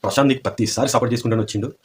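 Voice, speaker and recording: A man's voice: medium pitch, steady tone, rapid-fire. A man giving opinionated commentary, asking pointed rhetorical questions.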